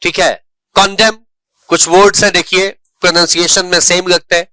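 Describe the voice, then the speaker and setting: A man's voice: sits high, little pitch movement, pushed and bright, no echo. A man giving an online English spelling lesson, repeating example words and checking in often. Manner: explains slowly, repeats words, checks in with "right". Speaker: English teacher.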